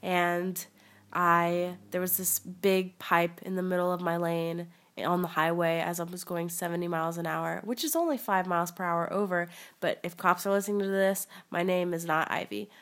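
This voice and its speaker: A woman's voice: on the low side, steady tone, moderate pace, a bit bright. A young woman guesting on a casual podcast, telling stories in a rambling, wry, joking way. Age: young adult. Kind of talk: casual chat.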